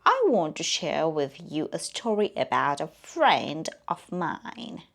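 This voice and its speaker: Female storyteller, slow and lively, low voice that slips into whispers. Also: creaky. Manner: slow, expressive, often drops to a whisper. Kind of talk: children's storytelling narration.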